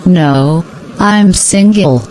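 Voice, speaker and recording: A woman giving slow, scripted answers in a repeated language-practice dialogue. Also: fairly low pitch, mellow, slight background noise, rough recording.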